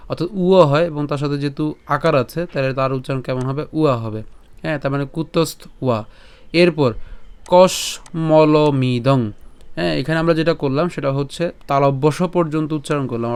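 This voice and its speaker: A man teaching scripture pronunciation step by step, asking and answering his own questions and reciting verses slowly. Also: fairly high pitch, darkish tone, clean tone.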